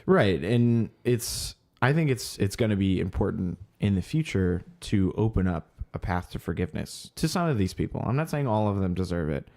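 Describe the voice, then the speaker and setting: Here a man co-hosts a relaxed podcast, running through music news in a lowish, slightly mellow, sing-song voice. He keeps a moderate pace with hardly any pauses, yet hesitates with frequent ums and trails off looking for words, leaving sentences incomplete.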